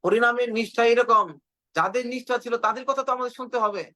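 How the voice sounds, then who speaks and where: Guy preaching over a video call, high bright voice, fervent and repetitive. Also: quick pace, rough recording. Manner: fervent, repetitive, acts out quoted dialogue. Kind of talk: devotional sermon storytelling.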